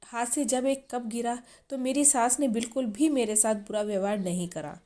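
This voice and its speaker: A woman's voice: fairly high pitch, normal speed, warm tone, natural voice. A woman reading the lines of a young newlywed bride in a storybook, earnest and emotional.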